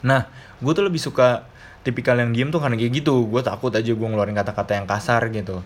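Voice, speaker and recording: A man's voice: medium pitch, steady tone, fast. A young man with Jakarta slang, hosting his own podcast as a casual, chatty monologue, blunt and freely swearing. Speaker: podcast host.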